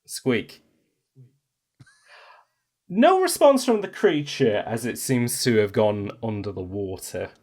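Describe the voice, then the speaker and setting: Animated man running a tabletop game. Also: medium pitch, moderate pace, hardly any pauses. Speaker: game master. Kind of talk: improvised tabletop game narration, casual.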